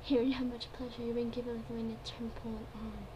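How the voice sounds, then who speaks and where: Woman, higher-pitched voice, fairly even intonation, amateur dramatic story reading, stumbling delivery, background noise. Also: brisk. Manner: stumbles over words and repeats phrases. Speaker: fan fiction reader. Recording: clearly noisy home recording.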